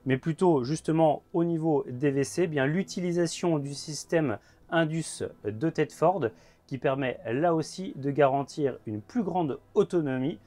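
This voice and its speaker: A man in his thirties gives a guided tour inside a motorhome at a trade fair, talking in a measured way with frequent filler words. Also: on the high side, mellow. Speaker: motorhome show presenter. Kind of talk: guided vehicle walkthrough.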